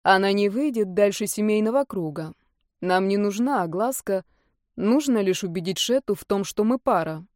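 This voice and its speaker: A woman reading the part of a composed aristocratic male academy rector who speaks in a calm, matter-of-fact way. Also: mid-range voice, normal speed, dry recording, studio quality, natural voice.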